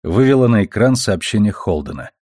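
Deep-voiced male audiobook narrator. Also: animated, a little fast, a little mellow, no room sound, studio quality.

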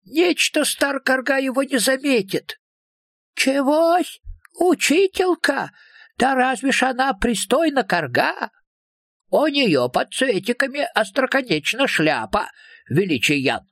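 Guy doing squeaky lil fairy rascals, rough rustic talk, husky, dry close sound. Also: big pitch swings, takes it slowly, fairly bright tone, dry recording, heavily acted. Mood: grumbling. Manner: broad rustic dialect, squeaky chatter. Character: tiny rough-spoken male fairy folk, cheeky. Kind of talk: audiobook character voice.

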